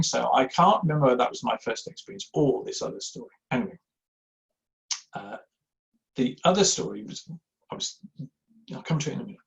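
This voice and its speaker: A gravelly-voiced man from Yorkshire, England, with a medium-pitched voice gives an informal talk to a live audience on church giving. He rambles through anecdotes, is self-deprecating and uses many fillers, and the recording sounds slightly dull and lo-fi.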